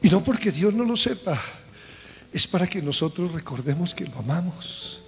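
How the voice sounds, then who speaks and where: Fervent high-voiced gravelly preacher. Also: male voice, lively intonation, normal speed, long reverb tail, soft background music. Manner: fervent, repetitive, builds to emphatic peaks. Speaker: pastor. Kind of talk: preaching a sermon. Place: church service.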